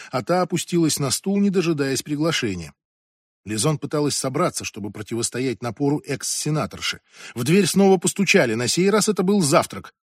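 A man reading a novel aloud as audiobook narrator, in an even, measured way. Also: medium pitch, husky, no echo, studio quality. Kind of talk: scripted narration.

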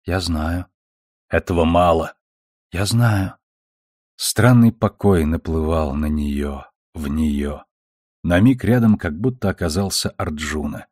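A man narrating an audiobook in a calm, measured way. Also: low-pitched, no room sound, clean studio sound.

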